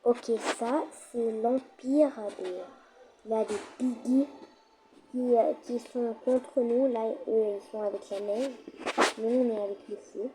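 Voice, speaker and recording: A fairly high-voiced woman talks her way through a building game in an unhurried, halting way, pausing often and filling the gaps with small hesitations. Her commentary is casual and slow, with a faint hiss behind it. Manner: hesitant, with many fillers. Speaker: gamer.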